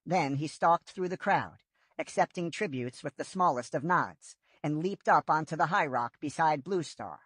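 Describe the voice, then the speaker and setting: A woman narrating a children's audiobook in an expressive storytelling manner. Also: deep voice, normal speed, husky, no room sound. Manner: expressive storytelling with lively intonation.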